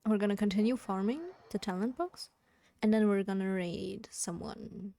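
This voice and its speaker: A woman live streaming a video game, chatting casually with viewers in a quiet voice kept down at home, sounding a little sleepy. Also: medium pitch, normal speed. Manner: quiet, keeping voice down for a sleeping roommate. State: sleepy, yawning. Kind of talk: relaxed casual chat with viewers. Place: indoors at home. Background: game music.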